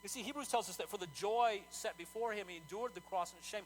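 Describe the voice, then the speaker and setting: A male pastor preaching a sermon in a conversational, animated way, often repeating words as he talks. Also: high voice, fast talker, faint music behind, low-quality recording.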